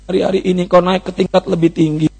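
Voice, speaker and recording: A man preaches a fervent sermon. His voice sits very high and carries a gravelly rasp. He builds from steady teaching into urgent, impassioned calls. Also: fast talker. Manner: impassioned preaching, rising to shouts and cries. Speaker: pastor.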